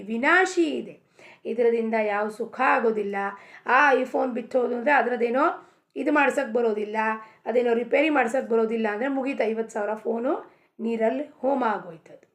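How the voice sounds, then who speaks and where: A woman giving a devotional talk on a hymn, asking questions and answering them herself, with English phrases mixed in. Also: fairly high pitch. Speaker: spiritual speaker. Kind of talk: devotional discourse explaining a hymn.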